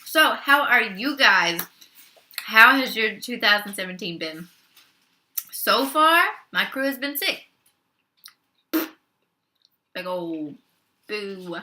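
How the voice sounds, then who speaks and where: A woman's voice: medium pitch, animated, slow, pauses often, pushed and bright. A young adult woman talking casually at home while eating for her vlog, chatting between bites with her mouth full. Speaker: vlogger. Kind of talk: casual mukbang eating chat.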